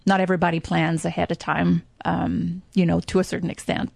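A middle-aged woman from Quebec, speaking English as a second language with a French Canadian accent, enthuses about tourism as a marketing guest in a conversational interview, using frequent fillers. Her fairly low, darkish, creaky voice is brisk with little pitch movement, recorded without room sound.

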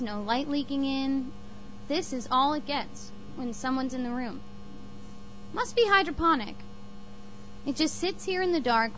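An actress playing an earnest, stubborn young daughter with a pleading, thoughtful manner in an audio drama. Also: female voice, high voice, slight background noise, low-quality recording.

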